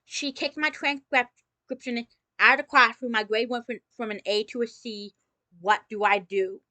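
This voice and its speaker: A woman's voice: on the high side, steady tone, moderate pace, sharp tone, dry recording. A woman telling a personal story in a casual vlog, opening with a theatrical greeting and dropping sarcastic asides.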